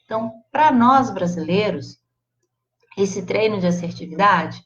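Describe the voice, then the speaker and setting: A Brazilian woman with a Brazilian Portuguese accent giving a casual, expressive live class, chatting directly to her audience. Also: mid-range voice, a little slow, a little hiss or hum. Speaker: psychologist teaching a live class. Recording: slightly dull lo-fi livestream audio.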